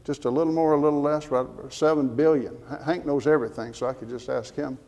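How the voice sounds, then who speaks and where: Emphatic preacher in a reverberant hall. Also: male voice, on the high side, fairly even intonation, quick pace, warm tone. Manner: earnest, emphatic, quotes scripture with references. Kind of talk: sermon.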